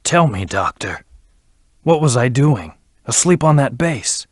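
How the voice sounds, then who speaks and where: Shadow, a terse, brooding hedgehog antihero. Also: male voice, mid-range voice, big pitch swings, unhurried, breathy edge, no room sound, clean studio sound. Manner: terse, cool, commanding. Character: brooding, arrogant anthropomorphic hedgehog antihero, curt and menacing. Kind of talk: scripted video game character lines.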